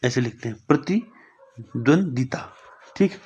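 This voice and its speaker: A young man teaching a spelling lesson for exam preparation, repeating each word and closing points with a quick "okay". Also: mid-range voice, darkish tone, dull audio. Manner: repeats words slowly, ends points with "thik hai".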